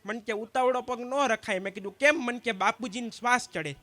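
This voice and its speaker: A male stand-up comedian with a high, bright voice tells jokes live at a community gathering. He spins quick anecdotes, acting out both sides of every exchange.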